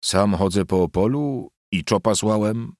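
Audiobook: man doing a deep, sulky, slow-grumbling village priest. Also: a little mellow, no echo, studio quality, close to an everyday voice. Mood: sullen.

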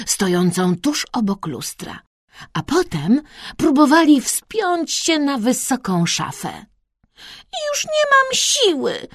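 A woman reading a children's storybook aloud, slow and expressive. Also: mid-range voice, no echo, studio quality. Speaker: audiobook reader.

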